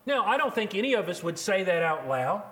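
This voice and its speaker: A man preaching a sermon, earnest and measured, slowing down to quote scripture. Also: high voice, big pitch swings, bright, forceful tone.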